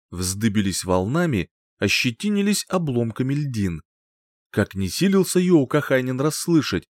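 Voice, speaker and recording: A male storyteller reading a folk tale aloud with dramatic expression. His voice is mid-pitched and moves widely up and down. It is recorded close and dry, with no room sound. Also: a little mellow, no echo. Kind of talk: scripted narration.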